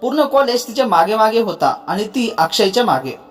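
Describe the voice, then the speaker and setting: A man's voice: high-pitched, sing-song, a little fast, soft background music. A storyteller voicing a playful young man who teases his friends, in a read-aloud story. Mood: teasing. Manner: playful, boastful. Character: teasing young man, joking ringleader.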